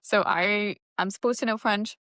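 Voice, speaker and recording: Her mid-range voice is steady and sharp in tone, moving at normal speed in a clean studio recording without echo. She's a young book vlogger from Mauritius, a native Mauritian Creole speaker, casually discussing what she plans to read while thinking aloud with light self-deprecation.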